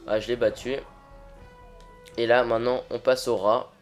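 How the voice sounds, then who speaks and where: A man's voice: medium pitch, level tone, normal speed, faint music behind. Casual man commenting on a video game. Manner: informal, hesitant, talking to viewers. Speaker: let's play host. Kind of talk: casual improvised gameplay commentary.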